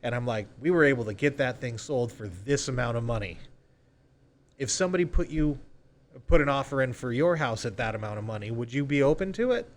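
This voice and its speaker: With lively intonation and a fairly quick delivery, a medium-pitched man speaks as a real estate agent on a conversational podcast. His manner is informal as he describes and role-plays sales calls.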